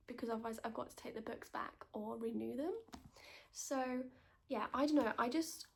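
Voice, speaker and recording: A woman talking softly in a hushed, partly whispered library ASMR style, chatting about books as a reviewer. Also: fairly high pitch, vocal fry, slight background noise. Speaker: book reviewer. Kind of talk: whispered ASMR book recommendations.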